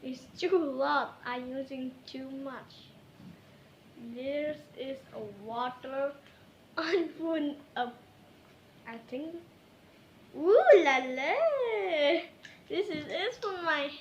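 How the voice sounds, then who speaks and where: Woman vlogger, high, unhurried, giggly and silly; echoey room, faint hum behind. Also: muffled recording. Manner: giggly, silly, talks to her viewers. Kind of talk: playful vlog chatter.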